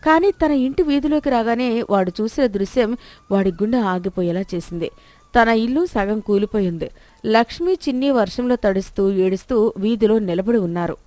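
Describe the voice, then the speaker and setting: A woman's voice: mid-range voice, moderate pace, warm tone, dry recording. A woman narrating a children's moral story in a scripted storybook style.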